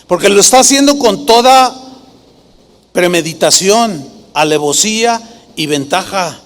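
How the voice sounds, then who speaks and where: A man's voice: high voice, expressive, a little slow, big-room sound. A man preaching a sermon as pastor, emphatic and full of rhetorical questions.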